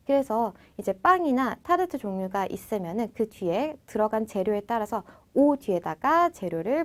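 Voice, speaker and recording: Lively woman teaching French phrases. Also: on the high side. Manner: slows down to model phrases, then explains in Korean. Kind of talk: language lesson.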